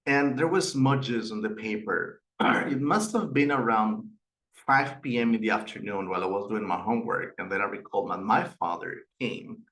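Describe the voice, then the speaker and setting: This middle-aged man from Peru, who directs an institute, hosts a webinar presentation and tells earnest personal stories full of fillers and restarts. He speaks in a lowish, fairly bright voice with a Peruvian Spanish accent, at a moderate pace. Recording quality is low.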